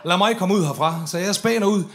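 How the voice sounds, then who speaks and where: A man performing a stand-up story on stage, swearing freely and acting out the drunk voices of the people in it. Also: high-pitched. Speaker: comedian telling a story on stage.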